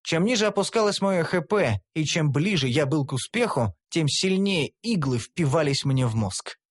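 A man narrating a humorous fantasy audiobook in the first person, with a wry, expressive delivery. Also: a little high, normal speed.

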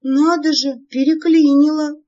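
Woman doing a shrill, excitable young witch. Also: normal speed. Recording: dull lo-fi recording.

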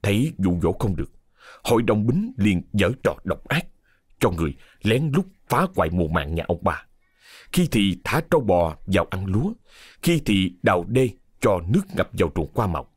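A man narrating a ghost story in a dramatic, expressive storytelling manner. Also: low voice, moderate pace, slightly rough, no echo, studio quality. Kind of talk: scripted horror story narration.

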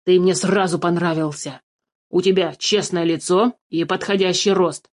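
A woman voicing a greedy, fussy old male dwarf in a storybook reading, excitable and quick to curse. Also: on the low side, lightly acted. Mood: indignant. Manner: fussy, excitable, keeps cursing.

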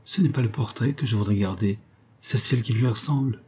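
A man's voice: lowish voice, fairly quick, dark tone, breathy edge. A man reading aloud, voicing a bashful, lovestruck young poet who speaks earnestly with a slightly choked voice. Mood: earnest, moved.

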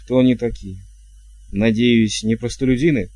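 A man reading an audiobook, voicing the ghost of a king who speaks in flowery, ceremonious phrases, with a dark, mellow tone in a dry recording. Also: mid-range voice, steady tone, moderate pace, no room sound, natural voice. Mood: formal. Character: courtly ghost of an old king.

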